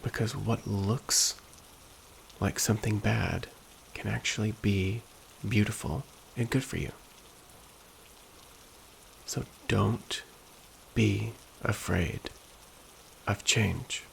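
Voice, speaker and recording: Soft spoken guy doing a hushed asmr pep talk, super gravelly, slow and gentle, faint rain-like noise behind. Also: steady tone. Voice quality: low, very creaky. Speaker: ASMR host.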